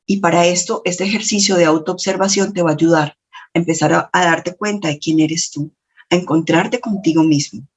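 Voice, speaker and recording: Expressive woman coach. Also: moderate pace, breathy edge. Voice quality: slightly shrill voice. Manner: expressive, storytelling with lots of self-talk. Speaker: lecturer and coach. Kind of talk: motivational lesson to camera.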